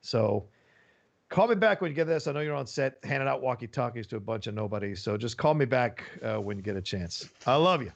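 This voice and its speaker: A man leaving a voice message on a phone, speaking haltingly and earnestly with many restarts. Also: medium pitch, expressive, gravelly.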